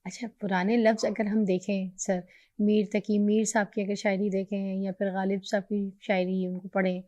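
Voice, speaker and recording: A woman's voice: mid-range voice, level tone, warm tone, dull audio. A young adult woman hosting a morning talk show, who listens attentively and murmurs agreement often.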